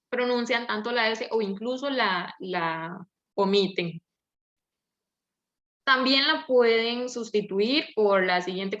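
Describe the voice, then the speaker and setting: The dull, lo-fi recording captures a young female student presenting to her class hesitantly, with lots of filler words. She has a Latin American Spanish accent with seseo and a mid-range voice with a fairly bright tone.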